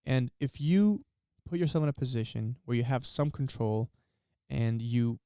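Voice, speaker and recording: Earnest young man with a smooth voice. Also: mid-range voice, normal speed, mellow, dry recording, studio quality. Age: 20s. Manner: earnest, motivational. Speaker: podcast co-host. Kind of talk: casual chat.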